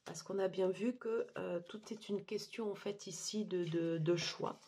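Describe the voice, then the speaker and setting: Woman doing a tarot reading, kinda breathy, halting, lots of ums and restarts. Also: medium pitch, steady tone, darkish tone. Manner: halting, many fillers and restarts. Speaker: tarot reader.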